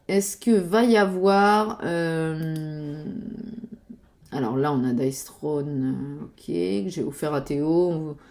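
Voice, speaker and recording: A woman's voice: low-pitched, a little mellow. A woman chatting casually about board games while searching websites, hesitating with many fillers and muttering to herself. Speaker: board game youtuber.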